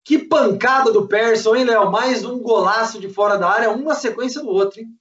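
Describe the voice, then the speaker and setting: Far-off muffled recording, Brazilian male host, high voice, casual football recap. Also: a little fast, fairly bright tone. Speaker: host of a football fan show. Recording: dull, distant microphone.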